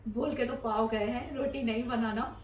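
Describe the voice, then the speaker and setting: A woman's voice: a little high, steady tone, moderate pace, echoey room, slight background noise. A middle-aged woman from India chatting her way through a casual home vlog, rambling about her daily chores. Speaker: vlogger. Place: home interior.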